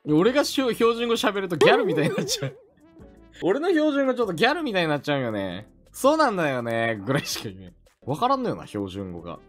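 A man from Mie Prefecture with a Mie dialect, chatting on a casual stream in an animated, rambling, jokey way. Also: sits high, quick pace, faint music behind. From Mie Prefecture, Japan.

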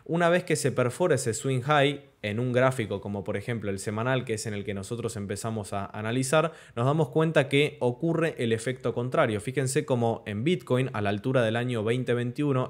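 A young crypto trading tutor explains charts patiently over screen share, his mid-range voice slowing on the key terms. He keeps asking "¿ok?" and "¿de acuerdo?" to check understanding, appearing via webcam in a corner of the recording.

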